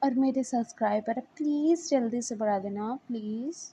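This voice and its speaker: A woman's voice: on the high side, normal speed, mellow, a little hiss or hum. A woman casually retelling a fan-fiction story in a chatty way, with many fillers. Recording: muffled lo-fi recording.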